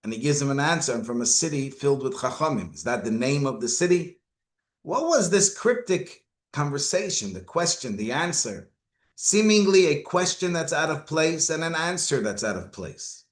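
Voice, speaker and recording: Speaking at a normal speed with big swings in pitch, a man with a fairly high voice gives a rabbi's Torah lecture. He asks rhetorical questions and mixes Hebrew and Yiddish into English, which he speaks as a non-native Hebrew speaker, all in an echoey room.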